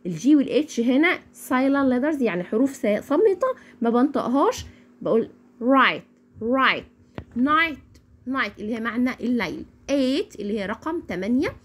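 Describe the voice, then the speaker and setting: A young woman with an Egyptian accent teaching English phonics, repeating each word slowly for learners to echo. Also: high-pitched, big pitch swings, darkish tone, breathy edge. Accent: Egyptian Arabic. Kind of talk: phonics lesson.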